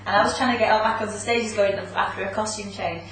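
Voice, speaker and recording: A woman's voice: mid-range voice, steady tone, quick pace, a bit bright. A chatty young woman talks casually in an interview, laughing at herself as she goes. She sits far from the mic in a very echoey room, with a faint hiss behind her. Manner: chatty, self-mocking, laughs between words. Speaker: pop group member. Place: webcast studio.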